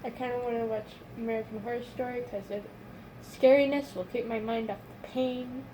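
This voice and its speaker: A young woman speaks in a fairly high voice, chatting casually. She retells moments dramatically and quotes dialogue as she goes. The amateur home recording has clearly audible noise. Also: steady tone, brisk, dark tone, poor audio. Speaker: patient recovering from wisdom tooth extraction. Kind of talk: casual chat.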